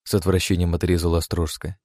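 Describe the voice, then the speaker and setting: A man narrating an audiobook with a steady, expressive reading, close to the mic. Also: low voice, quick pace, dry recording.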